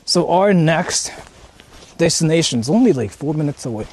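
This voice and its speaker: On this noisy outdoor stream, a man from Japan wanders rural haunted sites, swearing freely as he chats with viewers and thinks out loud. His voice sits on the high side and is expressive, a little mellow with a breathy edge, at a moderate pace.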